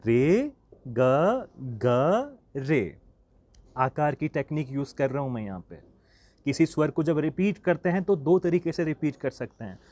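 A man's voice: a little high, fairly quick, a little mellow. A man teaching a flute lesson in a casual, chatty way, singing the note names aloud as he goes. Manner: chatty and encouraging, sings the notes aloud. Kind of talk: casual online music lesson.

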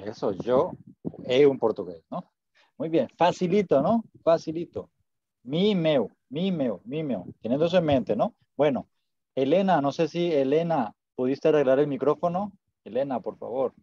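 A man's voice: fairly high pitch, expressive, moderate pace, warm tone, slightly rough, dry recording, dull audio. A man teaching an online Spanish class, patient and encouraging, repeating words so students can drill them.

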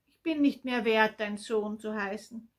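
A woman's voice: on the high side, a little slow, lightly acted. A woman doing a stammering remorseful young son. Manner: stammering, pleading. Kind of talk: children's Bible story reading.

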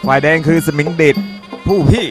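A man's voice: on the high side, fairly quick. A man calling a Muay Thai fight live in short, punchy phrases that he often repeats. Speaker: ringside Muay Thai commentator. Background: music.

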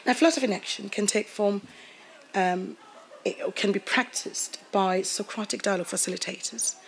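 This workshop presenter, a woman from South Africa, talks at a normal speed in a creaky, medium-pitched voice. She delivers an academic talk at a desk microphone in a seminar room, pausing thoughtfully with frequent fillers and repetitions. The low-quality recording carries a little hiss or hum.

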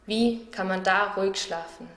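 A woman delivers a devotional reflection in a calm, measured and thoughtful manner. Her voice sits at an ordinary middle pitch. The recording carries a noticeable roomy echo. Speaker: church devotional speaker.

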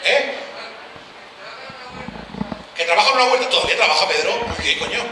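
A man's voice: high-pitched, expressive, a little fast, noisy background. A man doing live stand-up at a town festival, brashly teasing the crowd and swearing freely. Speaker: stand-up comedian. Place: outdoor town festival stage. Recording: echoey live stage sound from a distance.

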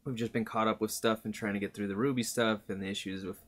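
A man's voice: on the low side, fairly even intonation, fast talker, fairly bright tone. A young man hosting a reaction video in casual chat from a small room. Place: small wood-panelled room indoors.

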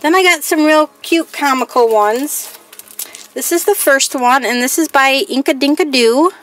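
A female crafting vlogger with a high, somewhat bright voice talks casually through a haul at a measured pace. It's a show-and-tell where she reads each item aloud in a plain, list-style way.

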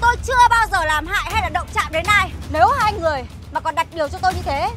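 A sharp-tongued noodle shop owner hurls insults in a very high, fast voice. She sounds bossy and scornful in this web sitcom scene. Music plays underneath. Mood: angry. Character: rude, bullying middle-aged woman noodle shop owner. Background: background music.

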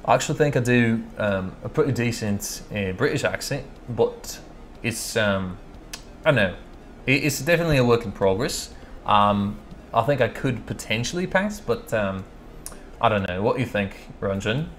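A fairly low-voiced man from California hosts a casual live coding stream. He thinks aloud as he works, reading code out slowly and correcting himself with plenty of ums and uhs. A faint background hiss sits under his voice. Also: animated, fairly bright tone. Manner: chatty, thinks aloud, frequent fillers and self-corrections; reads code aloud slowly while typing. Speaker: livestream host answering coding questions.

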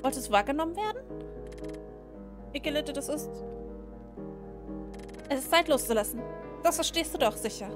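A woman voicing a calm, cold female doll who sees herself as a queen, speaking in a low, measured, solemn way. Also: over loud music.

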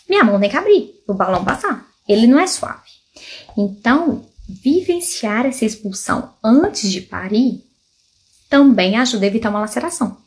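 A woman, a pelvic physiotherapist, explaining to viewers in a lively, demonstrative way, asking rhetorical questions, drawing everyday comparisons and using many diminutives while seated indoors. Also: on the high side. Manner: fond of diminutives. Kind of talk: explanatory health talk to viewers.

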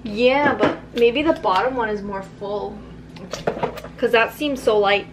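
A young woman vlogs into a handheld camera, talking slowly and easily with a slightly high voice. She is relaxed and giggly and drops in Korean words. There is clear noise behind her. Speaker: vlogger. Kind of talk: casual vlog chat. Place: car, then small apartment kitchen. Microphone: handheld camera close to face. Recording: noisy handheld camera audio.

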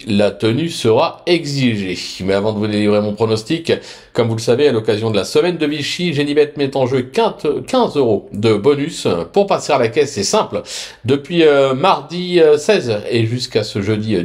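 A man's voice: medium pitch, a little mellow. A man presenting his horse racing betting tips in a video, upbeat, with frequent hesitant fillers between phrases. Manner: upbeat promotional delivery of picks.

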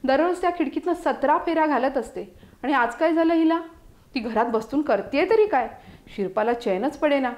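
A woman from Mumbai, India, reading a children's story aloud in a lively way and giving each character a voice. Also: sits high, moderate pace. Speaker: storytelling contestant. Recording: roomy echo.

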